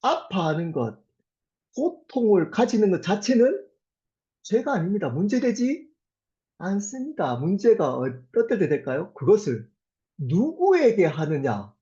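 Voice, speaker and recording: 교회에서 설교하는 남성 목사로, 억양의 높낮이가 크고 생동감 있게 말합니다. 목소리는 부드럽고 따뜻하며, 회중에게 질문을 던지고 중요한 구절은 천천히 힘주어 말합니다. 녹음은 고음이 다소 먹먹한 저음질입니다. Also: male voice, high voice, sing-song, mellow. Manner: poses rhetorical questions to the congregation; earnest, with slow emphatic phrases. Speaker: pastor. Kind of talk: sermon. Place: church sanctuary. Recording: dull lo-fi sermon recording.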